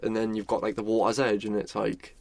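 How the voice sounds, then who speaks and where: A man's voice: lowish voice, completely flat delivery, fairly quick, vocal fry, a little mellow, no room sound. A young man with a Geordie accent, co-hosting a podcast in casual chat, rambling and swearing freely with plenty of fillers. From North East England. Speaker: podcast co-host.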